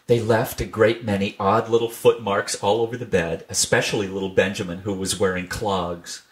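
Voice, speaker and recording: A man reading a classic children's storybook aloud in a gentle, measured storytelling manner. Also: lowish voice, flat delivery. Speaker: reader.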